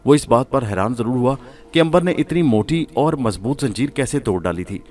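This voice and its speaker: A man reading a suspense horror serial aloud as a storyteller, in a steady, measured way. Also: medium pitch.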